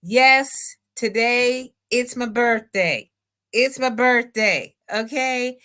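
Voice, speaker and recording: A woman's voice: on the high side, slow, pushed and bright. A woman in her fifties hosting her own talk show from home on a webcam, exuberant and chatty as she greets viewers by name. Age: 50s. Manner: exuberant, chatty, reads viewer comments aloud. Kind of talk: livestream birthday talk show. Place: home room with book display.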